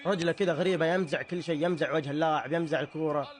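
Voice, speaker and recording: A young man with a Saudi accent reacts to a football match in comic commentary, excitable and full of mock outrage. His voice sits high and his words come in a rapid rush. He breaks into shouts and laughter often. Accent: Saudi Arabic. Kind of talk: comedic live reaction commentary.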